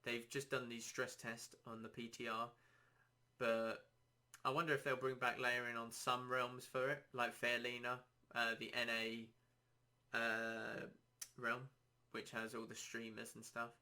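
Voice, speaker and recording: A man hosting a casual solo podcast, rambling and self-deprecating, his throat a little dry and hoarse. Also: mid-range voice, monotone, measured pace, pushed and bright. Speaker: podcast host.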